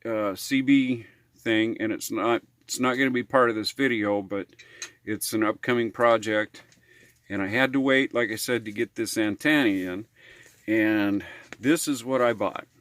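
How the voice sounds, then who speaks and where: Here a U.S. vlogger covering RV living and repairs rambles in an easy, unscripted way, dropping homespun slang. His voice is on the low side and fairly bright, moving at a measured pace.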